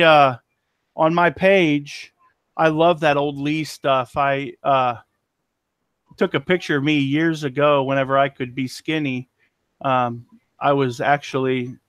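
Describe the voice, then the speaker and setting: A man's voice: mid-range voice, fairly bright tone, clear, resonant tone, no echo. A man selling antiques, chatting casually in a rambling, folksy, self-deprecating way. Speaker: antiques seller. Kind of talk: casual chat.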